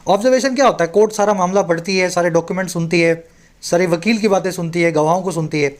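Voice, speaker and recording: A man tutoring by explaining a newspaper editorial in Hindi, reading the phrases slowly. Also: high voice. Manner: explains in Hindi, reads English lines slowly. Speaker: English tutor. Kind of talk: bilingual newspaper reading lesson.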